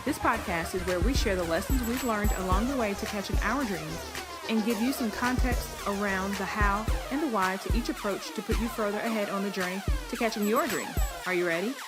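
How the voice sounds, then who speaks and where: A woman reading a scripted show introduction in a smooth, polished announcer style. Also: mid-range voice, brisk. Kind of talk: scripted narration. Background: loud electronic music.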